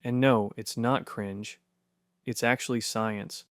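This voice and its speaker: A man giving scripted narration for an explainer video, punchy and conversational with quick rhetorical questions. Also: lowish voice, steady tone, no room sound, clean studio sound.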